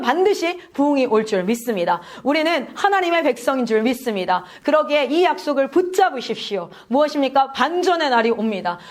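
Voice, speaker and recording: High-voiced woman preaching a sermon. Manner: rhetorical questions to the congregation, frequent hallelujahs. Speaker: missionary preacher. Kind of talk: sermon at a prayer meeting.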